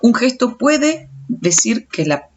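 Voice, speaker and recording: A woman's voice: fairly high pitch, big pitch swings, slow pace, a little mellow. A woman teacher giving a recorded audio lecture, explaining step by step and stumbling over restarts. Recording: dull lo-fi recording.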